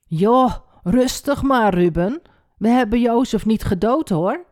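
A woman's voice: on the high side, lively intonation, slow, darkish tone, dry recording, clean studio sound, pitched above the performer's own voice. A woman voicing scheming young brothers who talk slyly and mockingly, in a children's Bible story. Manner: sly, mocking.

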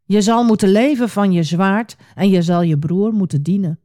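A woman's voice: mid-range voice, moderate pace, dark tone, natural voice. A woman voicing an old father who trembles with shock and regret in a storybook reading. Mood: grave. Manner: trembling, startled.

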